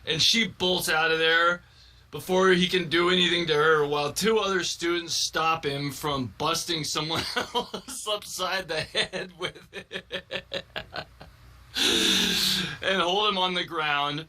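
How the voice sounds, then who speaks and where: A man's voice: on the high side, steady tone, slow pace, pushed and bright. Giggling man telling a funny story. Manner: giggling and laughing through the telling. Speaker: video creator. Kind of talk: comic storytelling.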